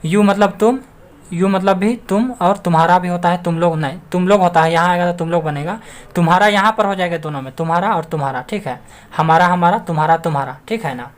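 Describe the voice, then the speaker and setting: A man's voice: high voice, fairly quick. A man giving an online English grammar lesson, who keeps asking his viewers rhetorical questions and calls them friends. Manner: keeps addressing listeners as friends.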